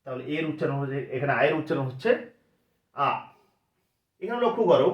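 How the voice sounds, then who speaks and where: A man's voice: medium pitch, lively intonation, dull audio. A man teaching a lesson who says sounds over and over and asks questions that he answers himself. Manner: repeats sounds slowly, asks and answers his own questions. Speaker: English teacher. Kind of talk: classroom lesson. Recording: roomy echo.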